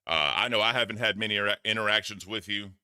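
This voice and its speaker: A man's voice: lowish voice, rapid-fire, clear, resonant tone, dry recording, studio quality. A man with a Southern US accent chatting on a livestream, rambling, profane and groggy from the heat. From American South. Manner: rambling, profane, loud outbursts. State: groggy, overheated. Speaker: livestream co-host. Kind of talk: casual livestream chat.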